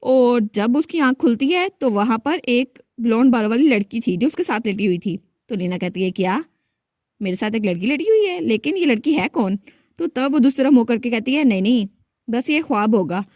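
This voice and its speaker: Higher-voiced woman retelling a comic story. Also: expressive, brisk, a little mellow, no room sound, studio quality. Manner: narrates plainly, voicing every character in her own voice.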